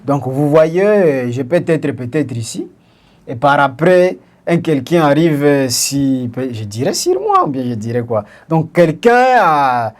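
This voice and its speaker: A Congolese man co-hosts a casual podcast discussion, explaining with examples, asking questions, and using many hesitant fillers. His voice is fairly high and animated, at a measured pace.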